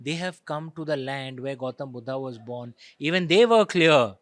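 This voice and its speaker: In a clean studio recording with no room sound, a medium-pitched man with an Indian accent talks at a moderate pace. He's a historical fiction author guesting on an interview, laying out his opinions in an emphatic, argumentative way and frequently using rhetorical questions to check in.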